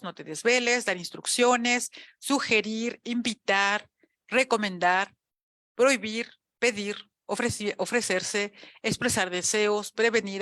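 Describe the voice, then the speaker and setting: A woman's voice: a little high, fairly bright tone, no echo. A woman with a Mexican Spanish accent giving an academic lecture in a chatty way, often checking in with her listeners. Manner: chatty, frequent tag questions. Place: university auditorium.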